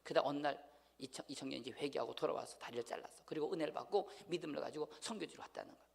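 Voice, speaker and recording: Gravelly high-voiced preacher in a reverberant hall. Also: male voice, racing. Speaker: pastor. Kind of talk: sermon. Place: church sanctuary.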